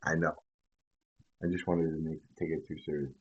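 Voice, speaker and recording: A man's voice: a bass voice, little pitch movement, moderate pace, dull audio. A man co-hosting a podcast in casual chat, teasing his partner with profane banter. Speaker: podcast co-host.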